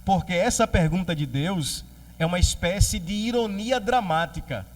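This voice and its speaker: A man with a Brazilian Portuguese accent preaching a sermon as pastor, lively and joking, acting out quoted voices. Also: sits high, normal speed, distant mic.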